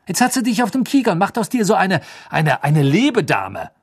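A man reading an audiobook, voicing a flustered teenage boy wizard in a much higher voice. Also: huge pitch swings, brisk, slightly rough, no room sound, clean studio sound, heavily acted.

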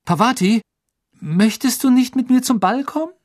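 Playing Harry, an eager teenage boy, a female reader pitches her natural voice above her usual register, landing on the high side with a darkish tone. She speaks at a moderate pace, and the studio recording is clean with no echo.

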